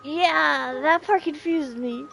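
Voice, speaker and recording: A woman's voice: high voice, slow pace, creaky, fairly bright tone, faint music behind. A woman streamer chatting casually while playing, reacting and reading chat aloud. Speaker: game streamer. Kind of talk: casual let's-play commentary.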